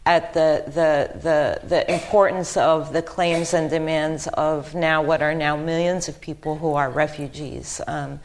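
Low-voiced woman, halting panel speaker. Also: steady tone. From Lebanon. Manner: thoughtful, halting, with frequent ums and restarts. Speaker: panel speaker, history professor. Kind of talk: panel discussion talk.

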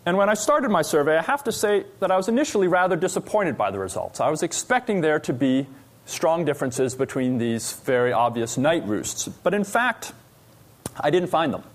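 A man researcher giving an academic lecture on a stage, explaining slides with frequent pauses and fillers. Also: fairly high pitch, sing-song.

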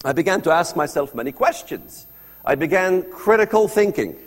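Speaking in a large hall, an Arabic-speaking man from the Palestinian territories shares his personal story with an audience as testimony. He is earnest and asks many rhetorical questions, using a fairly high, expressive voice at normal speed.

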